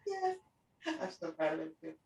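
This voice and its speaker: With a low, sing-song, somewhat dark voice and some vocal fry, a middle-aged interview host who teaches preschool tells stories at normal speed in a casual chat, voicing what others said. The room echoes and the mic is far away.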